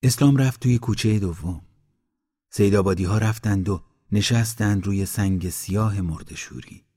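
A man reading a storybook aloud in a calm, measured way. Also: lowish voice. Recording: long hall reverb.

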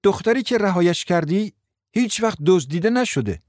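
A man's voice: high voice, very animated, darkish tone, dry recording, studio quality, pitched above the performer's own voice. A man voicing a young woman with a thick French accent who speaks earnestly for her grandmother.

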